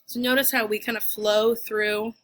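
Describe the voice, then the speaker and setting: A woman teacher talks her students through a recorded lesson. Her voice sits a bit high and sounds crisp and bright. She keeps it chatty, with casual asides and quick restarts. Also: level tone.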